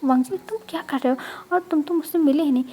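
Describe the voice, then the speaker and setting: A woman's voice: high-pitched, quick pace, mellow, a little hiss or hum, natural voice. A woman voicing a playful young man who teases and needles his friend, in a storybook reading. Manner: teasing, needling.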